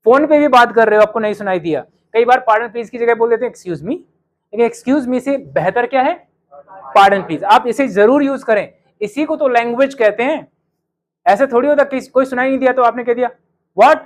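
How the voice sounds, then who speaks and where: A male teacher gives a spoken English lesson to his students. He slows right down to say each sample sentence with care. He keeps quizzing the class with rhetorical questions. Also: very high voice, low-quality recording. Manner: says English model sentences slowly and clearly, then quizzes students.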